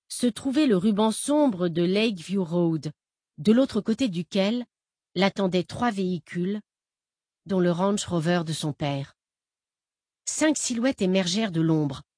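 A woman narrates a novel in a measured, even delivery. Her voice sits on the low side. The recording is dry and close, with no room sound. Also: no room sound. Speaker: audiobook narrator. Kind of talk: scripted narration.

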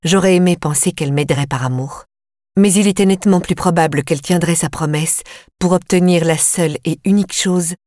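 Woman reading a novel in first person, low voice, steady pace, dry close sound. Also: brisk, no room sound. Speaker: audiobook narrator.

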